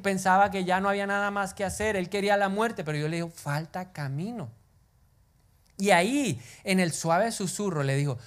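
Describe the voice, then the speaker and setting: A man preaching a sermon, animated, sometimes dropping to a whisper and putting questions to the congregation. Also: on the high side. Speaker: pastor.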